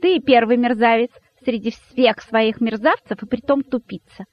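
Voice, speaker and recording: A man voicing a cheeky male rabbit who shouts insults gleefully from inside a snake's belly, in a storybook reading. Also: very high voice, moderate pace, pitched above the performer's own voice. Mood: defiant glee. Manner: loud, gleeful, defiant shouting. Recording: dull lo-fi dry recording.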